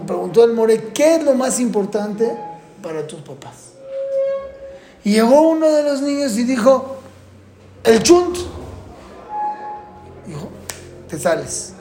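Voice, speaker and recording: An older man giving a lively, teasing religious talk to parents and acting out little scenes. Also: high voice, gravelly. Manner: animated, teasing, acts out scenes. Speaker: religious teacher. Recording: echoey room.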